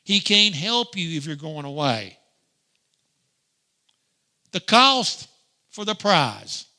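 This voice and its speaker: A middle-aged man teaching a Sunday school lesson in a preaching style, emphatic and swinging from loud to hushed. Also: fairly high pitch, sing-song, takes it slowly. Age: grandparent age, middle-aged or older.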